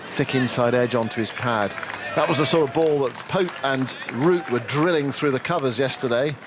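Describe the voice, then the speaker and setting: A man's voice: mid-range voice, moderate pace, crowd noise. A man giving live ball-by-ball cricket radio commentary mixed with casual chat. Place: commentary box at a cricket ground. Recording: outdoor ground noise behind voice.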